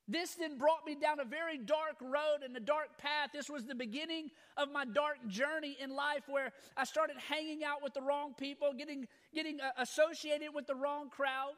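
A man with an unusually high-pitched voice preaches, sharing his own life story as testimony. His tone is bright and forceful, and he tells it earnestly, often doubling back on his words. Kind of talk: personal testimony sermon.

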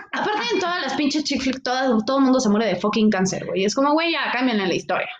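A young woman with a Mexican accent chats on a podcast. Her high voice is expressive and slangy. The recording is echoey. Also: fast talker, slight background noise. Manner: expressive, slangy, laughing storyteller. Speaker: podcast co-host. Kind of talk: casual chat.

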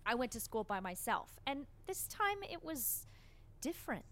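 A woman's voice: on the high side, very animated, normal speed, slight background noise. A woman voicing a young boy in an audio drama, earnest and scared but standing up for himself. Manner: earnest, rises to frightened yelling.

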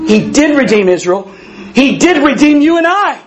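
A man's voice: very high voice, big pitch swings, normal speed. A man in his fifties with a wheezy voice, preaching conversationally and emphatically, repeating key phrases and putting questions to his listeners. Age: 50s. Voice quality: wheezy breathing from a past tracheotomy. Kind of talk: animated conversational sermon to a congregation.

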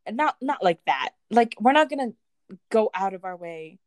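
A woman's voice: medium pitch, animated, moderate pace, no room sound, clean studio sound. A young woman co-hosting a podcast, teasing bluntly and swearing in casual chat. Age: young adult. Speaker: podcast co-host.

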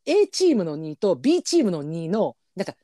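A woman's voice: lowish voice, big pitch swings, normal speed, dark tone, dry recording, studio quality. A woman with a Kansai accent, co-hosting a podcast in casual, rambling chat full of fillers. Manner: chatty, rambling with many fillers. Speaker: podcast co-host.

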